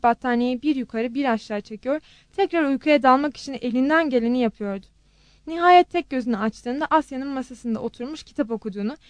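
A woman narrating a novel in a steady, measured audiobook style. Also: high-pitched, no echo.

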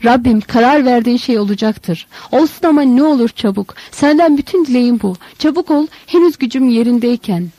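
A fervent male prophet cries out in raised, pitched-up bursts, as a woman narrator puts him on. The storybook voice stays warm and mellow, recorded dry and close with no room around it. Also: animated, brisk, few pauses, no room sound, poor audio. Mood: pleading. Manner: impassioned, exclamatory.

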